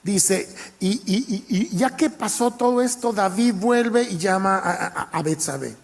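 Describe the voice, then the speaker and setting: A man preaching a sermon in Spanish, retelling a Bible story with lively, acted-out dialogue. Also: high voice, unhurried, vocal fry. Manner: animated storytelling, acting out the king's lines.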